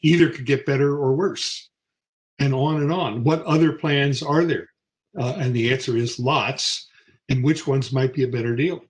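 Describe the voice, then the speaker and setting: A man's voice: mid-range voice, normal speed. A man speaking as a panel guest, explaining things casually and loosely, with frequent ums, uhs and restarts.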